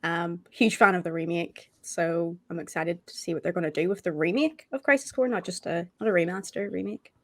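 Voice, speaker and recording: A woman co-hosting a casual gaming podcast, chatty and quick to giggle. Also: on the low side, fairly bright tone. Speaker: podcast co-host.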